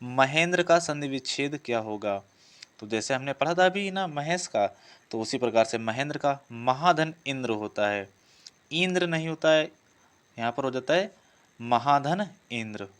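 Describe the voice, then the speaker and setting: A teacher's animated, mid-range voice comes through clean and a bit bright at normal speed. He leads an instructional session on exam practice questions, repeating every question before answering it.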